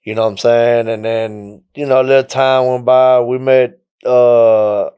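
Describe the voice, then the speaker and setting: Dude, mexican-born, smooth clear voice, chill rambling podcast story, lots of "you know what i'm saying". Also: male voice, medium pitch, little pitch movement, measured pace, mellow. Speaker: rapper guest. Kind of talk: casual podcast interview.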